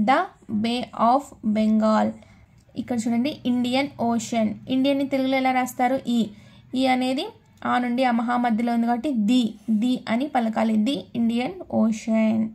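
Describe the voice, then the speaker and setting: A woman's voice: on the high side, creaky, darkish tone. A woman with a Telugu accent teaching spoken English, repeating key words and asking her learners questions as she explains. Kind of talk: explanatory lesson.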